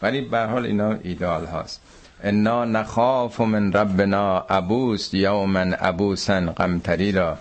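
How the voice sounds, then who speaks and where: In a lowish voice, an Iranian man leads a class on Quran commentary, slowly reciting verses in Arabic. He follows each with an explanation in plain, everyday language.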